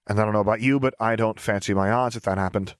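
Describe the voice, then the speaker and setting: A man's voice: lowish voice, fairly even intonation, quick pace, smooth, dry recording, clean studio sound, close to an everyday voice. A man voicing a cheerful, boyish young male engineer who talks in an upbeat, earnest way.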